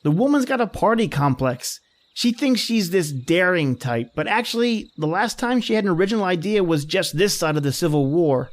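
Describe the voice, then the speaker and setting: In a 1930s radio drama, a man plays a grumbling, wisecracking young fiancé who dreads his boss-lady's party, using slangy speech and a wry, exasperated, sardonic manner. His voice is high-pitched, expressive and pushed up, at a moderate pace.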